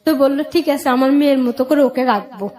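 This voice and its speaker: A woman with a high, darkish voice talks a little fast as an interview guest telling her own life story. She's plain-spoken and acts out past conversations in direct speech.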